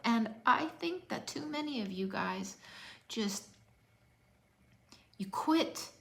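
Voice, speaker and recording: A woman's voice: mid-range voice, vocal fry, fairly bright tone. A woman fitness coach giving an emotional motivational talk on a livestream, repeating key lines and dropping to whispers for emphasis.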